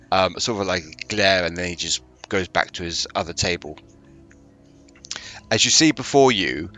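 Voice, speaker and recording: Deep-voiced Northern English game master. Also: male voice, bright, forceful tone. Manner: halting, many fillers and restarts. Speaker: dungeon master. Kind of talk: narrating a tabletop game.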